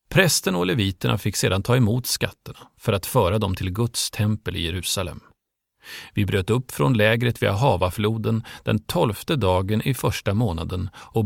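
Gravelly low-voiced man reading scripture. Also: dry recording, clean studio sound. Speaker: scripture reader.

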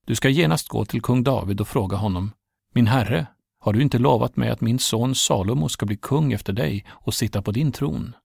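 A man's voice: mid-range voice, creaky, darkish tone, husky, dry recording, clean studio sound. A man voicing the prophet Natan, pressing and urgent, in a storybook reading. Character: anxious older male prophet Natan.

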